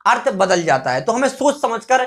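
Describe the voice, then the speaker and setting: A male teacher giving an explanatory grammar lesson. He asks rhetorical questions, answers them himself, and repeats example sentences slowly. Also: very high-pitched, sing-song, a bit bright.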